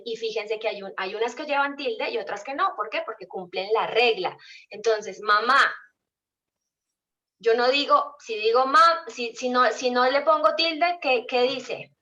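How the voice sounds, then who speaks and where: A woman's voice: medium pitch, sharp tone, dull audio. A woman teacher giving an online class, explaining patiently and often asking her students questions.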